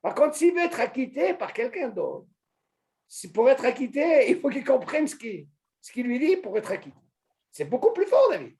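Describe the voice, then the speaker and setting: A man teaching an informal religious lesson to a small group, animated, asking questions and calling on a student by name. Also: extremely high pitch, moderate pace. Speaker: Torah teacher.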